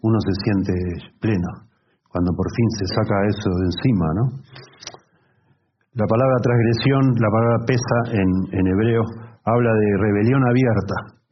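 A man's voice: on the low side, normal speed, lo-fi sound, slight background noise. A man preaching a sermon with an Argentine accent, earnestly teaching and often checking in with his listeners. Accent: Argentine Spanish. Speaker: pastor and marriage counselor.

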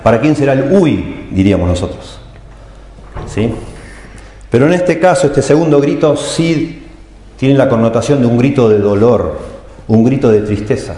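A man's voice: medium pitch, animated, moderate pace, pauses often, mellow. A man preaching a sermon, explaining scripture and voicing its cries with emphasis. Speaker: pastor. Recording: echoey hall with long reverb.

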